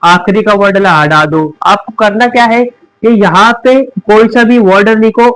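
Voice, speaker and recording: A man's voice: high-pitched, unhurried, fairly bright tone, smooth, poor audio. A young man with a Hindi accent teaching a lesson, repeating each word as a question and then answering it. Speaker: English teacher.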